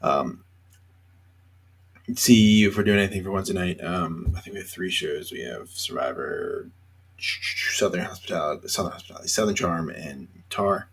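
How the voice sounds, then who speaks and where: A tired man hosting a casual solo reaction show, rambling with lots of fillers and pauses between thoughts. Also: low voice, husky. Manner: rambling, hesitant, many fillers. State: tired, yawning. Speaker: reality TV reaction host.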